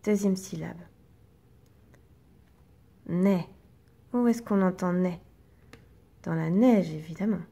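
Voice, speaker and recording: A woman teacher, slowly and patiently guiding young children through reading exercises and sounding out each syllable. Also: lowish voice, gravelly, mellow, slightly rough.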